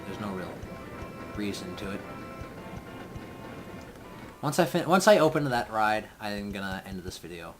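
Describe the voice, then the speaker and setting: A man's voice: lowish voice, lively intonation, a little slow, long pauses, faint music behind. A young man giving casual, rambling gameplay commentary, thinking aloud as he builds and often trailing off mid-thought. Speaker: let's play gamer.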